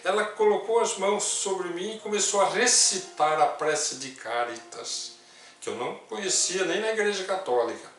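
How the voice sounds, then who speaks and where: An older Brazilian man in his sixties giving a storytelling spiritist testimony, softly quoting others as he goes. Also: sits high, expressive, normal speed. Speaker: spiritist speaker. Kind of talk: personal testimony talk. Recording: distant mic with heavy room echo, faint music.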